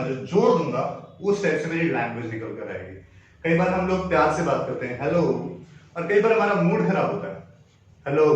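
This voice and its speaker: A man teaching English grammar in a lesson, explaining step by step and spelling out letters and words slowly. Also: high voice. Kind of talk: classroom-style grammar lesson. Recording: very echoey room, voice from far off the mic.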